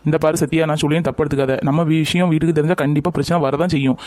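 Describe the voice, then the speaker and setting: A man's voice: fairly high pitch, fairly even intonation, racing, a little mellow, no echo. A young man in a scripted romantic drama, talking with reproach and coaxing. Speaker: lover in a family skit.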